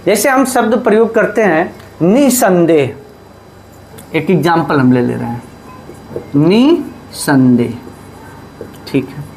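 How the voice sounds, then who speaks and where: Slow, deliberate Hindi teacher. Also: male voice, high voice, darkish tone, slight background noise. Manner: asks the class questions and answers them himself; repeats key terms slowly. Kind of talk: classroom lesson.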